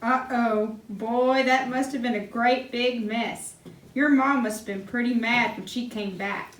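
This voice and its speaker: A woman voicing a kind grown-up friend in a church puppet skit, speaking in a gentle teaching tone. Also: a little high, fairly even intonation, measured pace, lightly acted. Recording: roomy hall, mic far off.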